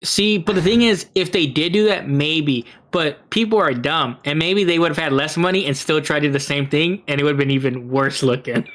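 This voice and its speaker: A man's voice: fairly high pitch, a little fast, fairly bright tone. A man co-hosting a casual movie discussion, hedging and weighing both sides as he talks. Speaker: podcast co-host reviewing movies.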